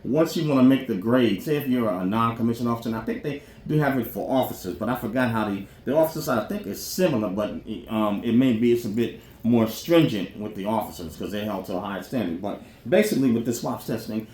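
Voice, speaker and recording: This podcast host's mid-range, darkish voice is expressive and quick, with hardly any pauses, as he rambles informally about military careers. He keeps checking in with "you know what I'm saying" in his colloquial monologue, recorded with a roomy echo and faint background noise.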